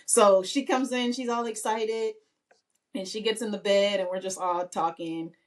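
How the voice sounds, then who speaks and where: A woman's voice: mid-range voice, fairly even intonation, unhurried. A woman in her thirties, a podcast co-host, chatting casually and telling stories with frequent laughs. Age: 30s. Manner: chatty storytelling, laughs often. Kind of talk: casual chat.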